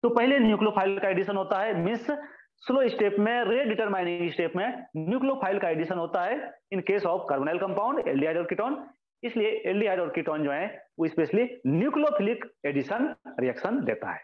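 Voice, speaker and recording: A man with a high voice lectures on chemistry, posing questions and answering them himself. His words ring out in a roomy space, and the recording sounds dull and lo-fi. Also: animated, moderate pace. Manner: addresses students as children, repeats key terms. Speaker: chemistry teacher. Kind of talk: classroom lecture.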